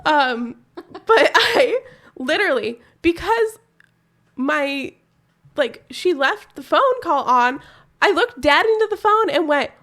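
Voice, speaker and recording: High-voiced woman telling a story. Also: slow. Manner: animated, profane, laughing storyteller. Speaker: podcast co-host. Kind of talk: casual storytelling chat.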